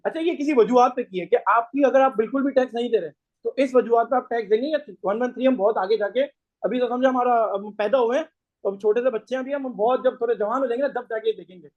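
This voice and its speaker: Man, hoarse, classroom lecture, repeated questions to students, tinny lo-fi sound. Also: extremely high pitch, fast, a little mellow. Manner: mixes English terms into Urdu. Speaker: tax course lecturer. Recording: tinny phone-like lo-fi recording.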